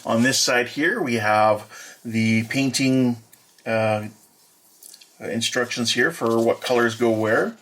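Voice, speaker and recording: A man walking through an unboxing as a hobby model builder, talking in a plain, matter-of-fact way with many filler pauses. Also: medium pitch, a bit bright. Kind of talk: unboxing walkthrough.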